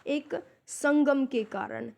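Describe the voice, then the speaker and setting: A Hindi literature lecturer teaches her class in a high, creaky voice with a darkish tone. She speaks slowly and deliberately at a measured pace, pausing to pose rhetorical questions before answering them.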